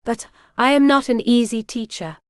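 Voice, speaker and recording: A woman voicing a cold, stern male vampire mentor in an audiobook, speaking curtly and deadpan. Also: fairly high pitch, normal speed, dry recording, studio quality, lightly acted. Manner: curt and deadpan. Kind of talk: audiobook character reading.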